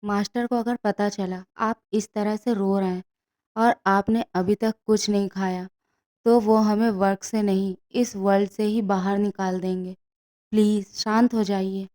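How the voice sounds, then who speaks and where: Lady doing a worried housemaid, soft coaxing voice, kinda quiet and mellow. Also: medium pitch, steady tone, unhurried, close to an everyday voice. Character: anxious gentle female house servant.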